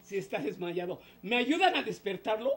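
A woman with a Mexican Spanish accent performing a children's puppet show, playful and animated as she quizzes and coaxes a young audience. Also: medium pitch, normal speed.

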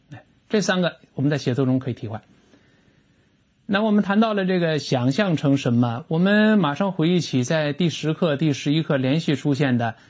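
A teacher giving a lively lecture on an English textbook lesson, explaining phrases emphatically and asking rhetorical questions. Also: mid-range voice, husky. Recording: dull lo-fi recording.

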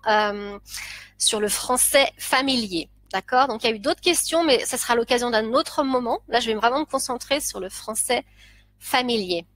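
Chatty high-voiced woman hosting a live stream. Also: dry recording. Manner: warm, chatty, laughs often while greeting viewers. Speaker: French teacher hosting a live Q&A. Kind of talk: live stream chat with viewers. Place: home, living in Pakistan.

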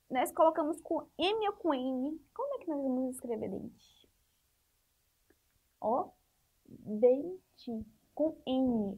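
Lively, slow-paced woman teacher. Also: high-pitched, creaky, narrow, tinny audio. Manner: patient, repeats rules, asks the class questions. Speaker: primary school teacher. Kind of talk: children's spelling lesson.

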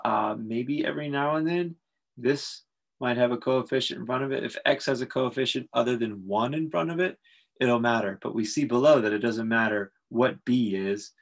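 A man teaching a calculus lesson, talking through each step in a relaxed, explanatory way with frequent fillers. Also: medium pitch, normal speed. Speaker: math instructor. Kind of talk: recorded calculus lecture.

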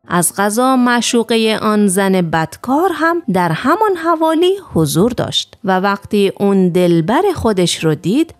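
A woman's voice: medium pitch, no echo. A woman narrating a humorous old tale, mixing in recited verse and reading the characters' lines in her own voice. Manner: reads husband and wife dialogue in her own voice. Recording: dry voice with faint music.

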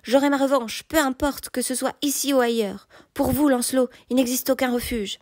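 A woman's voice: sits high, steady tone, normal speed, dry recording, studio quality, pitched above the performer's own voice, lightly acted. A woman voicing a raging vengeful knight. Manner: shouting accusations in a raised, strained voice. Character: furious male knight, vengeful and hot-headed. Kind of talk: audiobook character reading.

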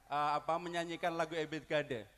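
A man's voice: a little high, steady tone, a little fast. A man giving a formal public speech at a community gathering, ceremonious and leading the crowd in call-and-response chants. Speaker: guest speaker at a community gathering.

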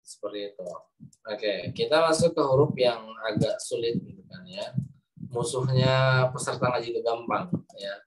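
A man teaching Quran pronunciation in an online class, patiently modeling letter sounds and correcting students. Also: medium pitch. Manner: patient, repeats letter sounds slowly to demonstrate. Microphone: video call. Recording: distant video call audio.

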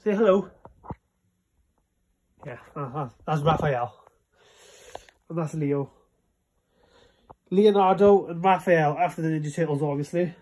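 Giving a room tour on his hand-held phone, a young vlogger from Wales chats about his small home games room, full of fillers and rambling asides. His voice is a little high and dark in tone, and he moves at a measured pace, pausing often.

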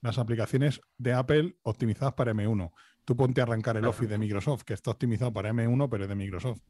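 A man's voice: medium pitch, steady tone, quick pace, mellow, no echo. A man co-hosting a live podcast, chatting and commenting in a joking, blunt way. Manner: joking, blunt, swears casually. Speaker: podcast host. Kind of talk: casual live commentary chat.

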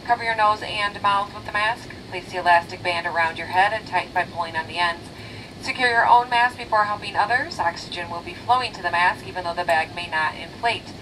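A woman's voice: lowish voice, brisk. Distant woman giving cabin safety announcement. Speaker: flight attendant. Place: aircraft cabin over intercom. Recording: distant cabin PA with aircraft noise.

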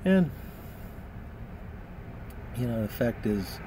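Loud road and car noise accompanies a vlogger in his fifties who chats from behind the wheel into a dashboard camera. He draws out his words in a mid-range voice, rambling easily with lots of fillers.

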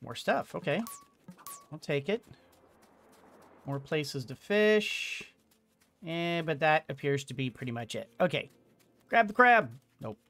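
A middle-aged man records casual let's-play commentary, thinking aloud and muttering to himself as he plays. His voice is a little high, expressive and fairly bright, and he takes his time with long pauses. He's in a small indoor room at home, with game music playing behind him.

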